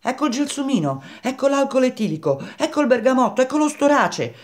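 A man reading a novel aloud, voicing a croaking, insistent young male apprentice in a raised voice. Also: extremely high pitch, a little fast, voice pushed up. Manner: insistent, flat repetition.

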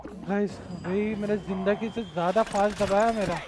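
A man's voice: sits high, steady tone, normal speed, a little mellow, a little hiss or hum. Man urgently coaching his game partner. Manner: teasing banter with chat. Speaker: game streamer. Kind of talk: casual live-stream gaming chat.

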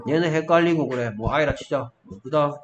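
Tutor, male, high voice, scolding and prodding, faint room noise. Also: moderate pace, dull audio. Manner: scolding, repeatedly prompting with "어?". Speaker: English tutor. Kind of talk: one-on-one spelling lesson.

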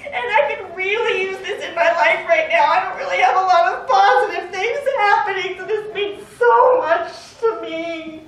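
A woman's voice: very high-pitched, normal speed, few pauses, fairly bright tone, recorded from a distance. An actress playing an overeager, clingy young woman friend who gushes and talks over others, in a stage play. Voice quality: gushing, talks over others, nervous laughs. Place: theater stage. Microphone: far room mic. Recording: echoey stage recorded from afar.

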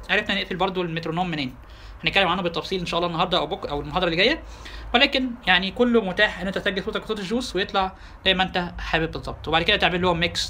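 A man with an Egyptian Arabic accent teaches software in a rapid, chatty tutorial lecture, speaking directly to listeners and peppering them with rhetorical questions. High for a male voice, his tone is bright and forceful. Slight background noise can be heard.

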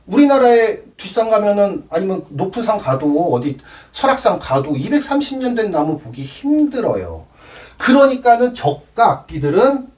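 Man teaching cello, bouncy pitch, voice a bit off-mic, counts stuff out loud. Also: distant mic. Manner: explains with props, counting aloud, repeats himself. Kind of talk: demonstration lesson.

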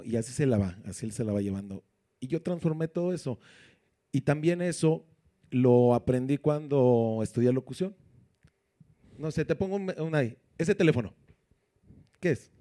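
A man's voice: medium pitch, dark tone. A man, a sound system announcer, coaching others in a casual interview by firing off questions. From Puebla, Mexico. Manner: coaching, asks rapid questions. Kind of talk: casual interview, giving advice.

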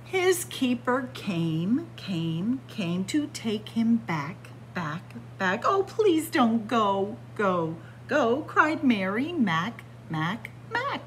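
With a very animated, fairly high voice, a woman in her sixties stretches out her words and barely pauses while reading a picture book aloud. She's a children's librarian, chanting rhymes in a sing-song manner with playful asides, recorded by a nearby webcam in a library with bookshelves, with slight background noise.

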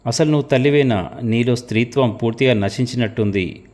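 A man's voice: mid-range voice, brisk, lightly acted. A man reading the lines of an angry young woman agent in an audio story, accusing and raising his voice. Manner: accusing, shouting.

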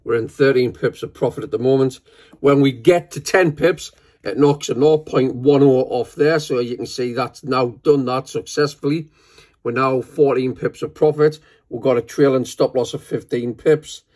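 A man's voice: mid-range voice, moderate pace, darkish tone, no echo. A man talking casually to camera in a home vlog, rambling with many fillers and calling his viewers "guys". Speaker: forex trader vlogger. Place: at home, moving between rooms and outdoors.

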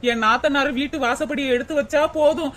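A woman's voice: high voice, steady tone, a little fast, fairly bright tone. A woman voicing a put-upon young daughter-in-law in a cartoon, grumbling and plaintive. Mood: complaining. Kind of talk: cartoon voice acting.

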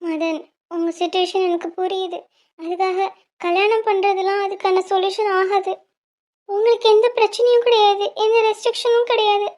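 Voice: extremely high pitch, little pitch movement, moderate pace, darkish tone. A woman voicing a cautious, sincere young college student in a cartoon, reasoning earnestly and pleading through tears.

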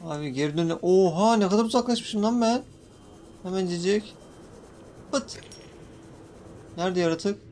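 Young man, high voice, excitable, nervous gaming commentary, faint background hiss. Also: measured pace, pauses often. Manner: jumpy, excitable, swearing playfully at in-game creatures. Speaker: gaming YouTuber. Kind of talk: casual Let's Play commentary.

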